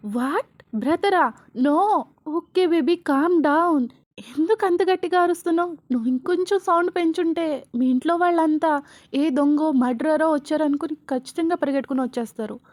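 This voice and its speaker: A woman voicing a playful, teasing young woman who coaxes and lectures her friend, with a high voice in a dry room. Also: fairly quick, a little mellow, no echo, close to an everyday voice. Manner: teasing, coaxing.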